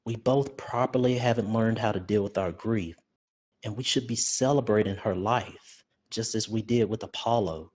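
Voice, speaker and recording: A man's voice: fairly low pitch, normal speed, darkish tone, breathy edge, pitched below the performer's own voice. A man doing an earnest young ranger leader. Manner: firm, earnest, grieving but resolute. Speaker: audiobook narrator.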